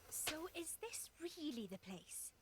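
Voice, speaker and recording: A woman's voice: high-pitched, sing-song, slow, full character voice. An actress playing a young woman companion in a video game, blunt and questioning, over game audio. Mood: wary. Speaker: game character. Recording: game audio with music behind.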